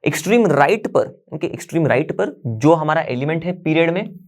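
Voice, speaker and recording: A man's voice: on the high side, expressive, fairly quick. Chatty male chemistry teacher. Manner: explains step by step, repeating "ok" and checking in; mixes English terms into Hindi. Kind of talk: classroom lecture. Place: standing at a board in a teaching studio.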